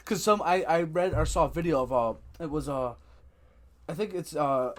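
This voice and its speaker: A man in his twenties hosting a podcast, rambling and animated as he retells scenes, swearing freely. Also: a little high, normal speed. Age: 20s. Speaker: podcast host. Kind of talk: casual chat.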